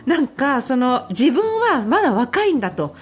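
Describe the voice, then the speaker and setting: A middle-aged woman with a high, very expressive voice hosts a late-night radio advice show, chatting freely and laughing through her stories. A slight flavor colors her speech, and the broadcast audio sounds a little dull. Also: moderate pace, husky, faint music behind. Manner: chatty, laughs often, animated storytelling. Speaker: radio host and business consultant. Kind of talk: casual radio advice talk.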